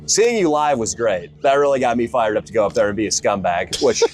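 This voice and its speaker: A man, a stand-up comedian, chatting casually while fishing outdoors, with a deadpan, sarcastic delivery. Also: medium pitch, a little fast, a little hiss or hum. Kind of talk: casual chat.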